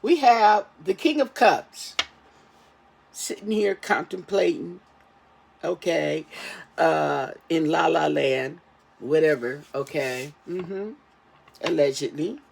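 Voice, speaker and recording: A tarot reader talking casually to camera while getting over an illness, halting and repetitive, often tagging phrases with a questioning check-in. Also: mid-range voice, vocal fry, breathy edge. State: recovering from an ear infection. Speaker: tarot reader, channel host.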